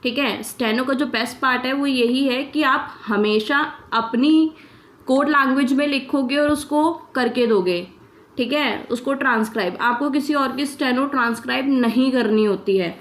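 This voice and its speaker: A woman's voice: sits high, moderate pace. A woman teaching a shorthand class, explaining step by step and checking in with her students often. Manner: patient, checks in with "ठीक है?" often. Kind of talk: explaining lesson in mixed Hindi and English.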